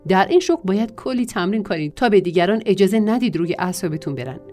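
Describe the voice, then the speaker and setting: A woman narrating a self-help audiobook in a measured reading voice, drawing out lists of words. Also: mid-range voice, animated, darkish tone, faint music behind.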